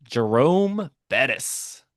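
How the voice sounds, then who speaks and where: A man's voice: medium pitch, very animated, very slow, fairly bright tone, no room sound, clean studio sound. A man co-hosting a casual podcast, reacting live to a sports draft from a hotel room and thinking aloud. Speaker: podcast co-host.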